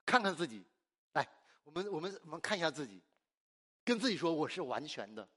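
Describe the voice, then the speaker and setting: A Chinese man preaches a sermon with exuberant emphasis, laughing often and running a call-and-response where he questions the congregation and answers himself. His voice is on the high side, slightly bright, very animated and a little fast.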